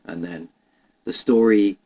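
Low husky man in casual chat. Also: takes it slowly, a little mellow, low-quality recording. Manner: rambling, restarts often with "like".

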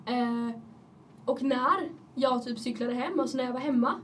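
Young woman with a cold, high voice, chatty anecdotes, faint background noise. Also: recorded from a distance. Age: young adult. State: has a cold. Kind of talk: casual chat.

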